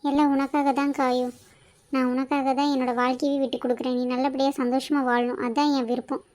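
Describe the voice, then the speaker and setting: A woman voicing a gentle young woman in a cartoon who cries and apologizes softly. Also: high voice, flat delivery, fast talker, natural voice. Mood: sad, quiet. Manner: soft, pleading, apologetic. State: crying. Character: gentle young woman, tearful and self-sacrificing. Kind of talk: cartoon voice acting.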